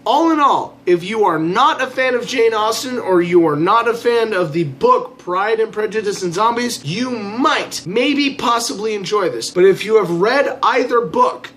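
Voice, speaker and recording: High-voiced man ranting tipsily. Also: lively intonation, unhurried, hardly any pauses, a bit bright, a little hiss or hum. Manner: tipsy, drink-loosened delivery; emphatic ranting, repeats phrases for stress. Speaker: film reviewer. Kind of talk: opinionated vlog movie review.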